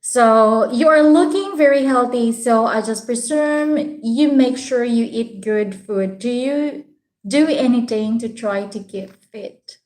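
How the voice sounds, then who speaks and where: Slow-paced woman with a Visayan Filipino accent. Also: on the high side, darkish tone. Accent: Filipino, Visayan (Bisaya). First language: Bisaya. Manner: polite, halting delivery. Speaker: livestream host. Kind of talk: casual live chat, answering viewers' comments. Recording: roomy, echoing room sound.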